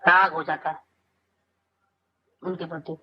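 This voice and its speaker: Here a spiritual teacher, male, talks slowly about scripture in an informal, conversational manner, answering his own rhetorical questions. His voice is on the high side, slightly rough, with little pitch movement, and the audio sounds muffled and lo-fi.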